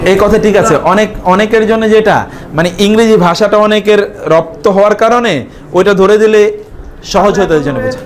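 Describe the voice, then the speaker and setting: A man with a Bangladeshi accent teaching a live Arabic class, explaining slowly and repeating each word for his students to answer. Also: sits high.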